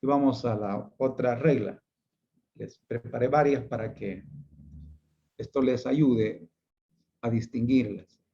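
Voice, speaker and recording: A man's voice: medium pitch, slow, pauses often, lo-fi sound. A man teaching an online class, explaining step by step with patient repetitions.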